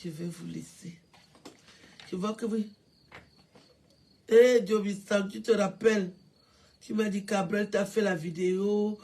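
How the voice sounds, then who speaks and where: Older woman, tearful, stammering and repetitive, slow delivery, phone live stream. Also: medium pitch, steady tone, mellow. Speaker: livestreamer paying tribute. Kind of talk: tearful live video tribute.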